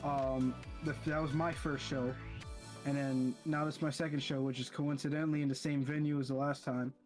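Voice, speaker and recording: A man's voice: medium pitch, level tone, a little fast, a little mellow, soft background music. A young man, a college student, chatting casually over a voice call, rambling and stumbling over his words. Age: young adult.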